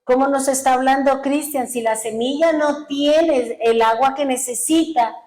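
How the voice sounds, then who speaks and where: High-voiced woman pastor preaching. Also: steady tone, a little slow, a little mellow, low-quality recording. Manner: emotional storytelling, acting out her own past prayers. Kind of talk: testimony sermon.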